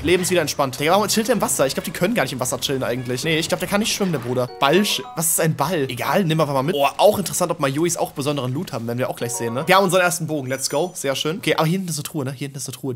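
Young man, let's play streamer, slangy, excitable, very fast talk, game music behind. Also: on the high side. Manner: excitable, slangy, talks to himself while playing. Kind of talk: live gameplay commentary.

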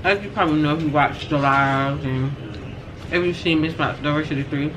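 A man's voice: a little high, moderate pace. A young man hosting a casual eating vlog, giggly as he tastes the food and chewing while he talks, indoors at home. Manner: giggly, tasting and reacting to food. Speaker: mukbang host. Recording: noisy room ambience.

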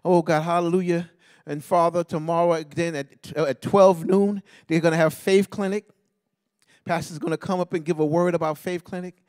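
A man pastor leading a fervent intercessory prayer, ending nearly every phrase with a call to God, rhythmic and half-sung, rising to shouts. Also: a little high, steady tone, moderate pace, smooth, no echo, studio quality.

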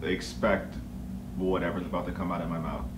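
A young man from Canada co-hosting a couple's video, joking in an animated, slangy way. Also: sits low, fairly quick. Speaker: co-host of a couple's channel. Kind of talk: casual chat. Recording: echoey room with faint noise.

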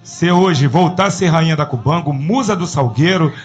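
A man's voice: fairly high pitch, moderate pace, faint music behind. A man co-hosting a radio chat, chiming in with friendly, jokey questions. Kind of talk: casual radio interview. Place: small radio studio.

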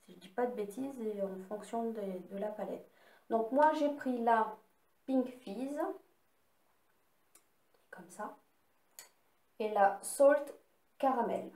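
A woman's voice: on the high side, takes it slowly, pauses often, dark tone. A woman casually showing and swatching eyeshadow palettes she bought, chatty with little apologetic asides. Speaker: beauty vlogger. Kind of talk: casual makeup haul with swatches. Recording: echoey room.

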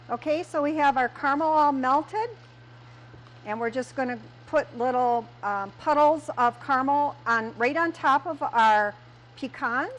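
Woman, middle-aged, high voice, plain step-by-step instructions, lots of ums, small kitchen. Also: fairly bright tone, low-quality recording. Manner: plain step-by-step, frequent "um" fillers. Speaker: candy shop owner. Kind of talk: cooking demonstration. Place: small candy kitchen, indoors.

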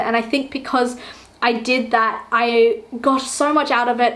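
A woman vlogging casually to camera, chatty and upbeat, correcting herself as she goes, tired and a little worn in the voice. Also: a little high. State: tired, losing her voice. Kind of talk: casual talking-to-camera vlog.

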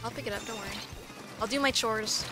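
Her voice a little high and fast, a young woman livestreams as a VTuber, snacking, swearing freely and chatting loosely with viewers as she plays. Her streamer mic picks up background noise along with game music.

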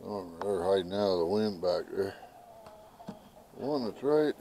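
Chatting casually to a handheld camera at arm's length, a middle-aged American man in a snowy farmyard vlogs about his homestead and speaks to his birds in a folksy way. His low-pitched voice is expressive and dark, at a measured pace, over noisy outdoor audio full of clucking birds.

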